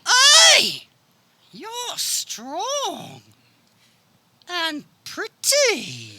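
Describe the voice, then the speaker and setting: Before a live audience in a backyard, a woman plays a dim, cowardly, excitable male suitor in a radio farce. Her very high, exaggerated voice sounds sheepish, and her delivery is hesitant and literal-minded, with exclamations and drawn-out words. The live recording is noisy.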